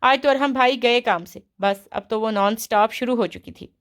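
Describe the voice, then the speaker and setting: A cheeky, lively young woman doctor with a fairly high voice, read out by a woman narrator. She talks in a playful, teasing way and never holds her tongue with anyone. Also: close to an everyday voice.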